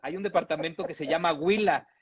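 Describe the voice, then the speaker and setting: A man's voice: fairly high pitch, brisk, breathy edge. Amused man reading a funny text. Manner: playful, amused delivery with chuckles. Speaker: reader. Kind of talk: reading a humorous text aloud. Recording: dull lo-fi audio.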